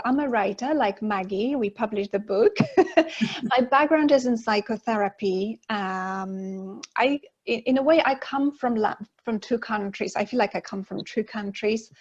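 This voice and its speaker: A woman's voice: a little high, a little slow, lo-fi sound. A woman in her forties, born in Poland, talking openly as a guest relationship expert on a video call, with lots of fillers. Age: 40s. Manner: chatty and open, with frequent laughs and fillers. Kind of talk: casual interview talk. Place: living room at home. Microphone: earphone mic on a video call.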